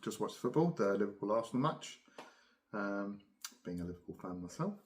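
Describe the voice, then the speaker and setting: A middle-aged man with a southern English accent speaks in a fairly low voice. He rambles casually on his own, musing without hurry and leaving pauses as he puffs on a pipe. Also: animated, a little mellow, faint music behind. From Cambridge, England. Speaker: pipe-smoking video host. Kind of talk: casual rambling solo chat.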